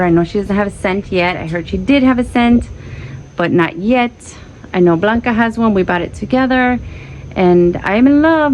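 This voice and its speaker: A woman's voice: mid-range voice, dull audio. A woman chatting casually to viewers as a plant vlog host, effusive and repeating phrases, with Spanish words slipped into her English. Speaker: host of an orchid-growing vlog. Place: outdoors in an orchid pergola. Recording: clear ambient outdoor background noise.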